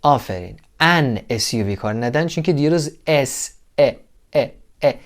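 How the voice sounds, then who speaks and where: A man's voice: medium pitch, expressive, moderate pace. Man teaching English, drilling sounds. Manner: drills sounds by repeating them aloud; asks the viewers questions and praises them. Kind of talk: casual explanatory lesson.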